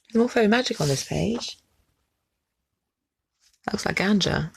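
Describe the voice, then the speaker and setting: Very creaky woman reading a storybook. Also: medium pitch, lively intonation, measured pace, a little hiss or hum. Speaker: storybook reader. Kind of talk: read-aloud storytelling with casual muttered asides.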